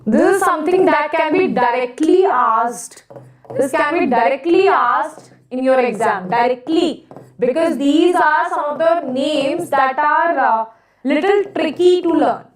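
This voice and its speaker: A woman's voice: sits high, a little slow. A woman with an Indian accent teaching a live exam-prep lesson, repeating phrases and questioning students, in a big echoing hall sound. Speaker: online chemistry teacher. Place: echoing classroom, voice far from mic. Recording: echoey room, big hall echo, distant mic.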